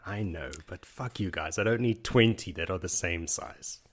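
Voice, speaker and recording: A man's voice: low-pitched, moderate pace, a crowd in the background. A man co-hosting a podcast, chatting casually in a playful, jokey way. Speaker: podcast co-host.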